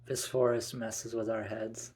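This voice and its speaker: A man's voice: medium pitch, little pitch movement, unhurried, darkish tone, breathy edge. A man telling a first-person family fantasy story in a conversational way.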